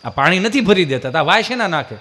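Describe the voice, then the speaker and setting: Man, folk comedian, live stage storytelling, fairly high voice. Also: fast, in a large hall. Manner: lively storytelling, acting out family scenes.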